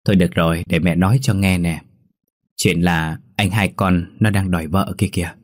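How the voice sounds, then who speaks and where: Gentle mother, as a man reads her. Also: deep voice, steady tone, normal speed, dry recording. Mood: motherly. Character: middle-aged mother, gentle and warm-hearted.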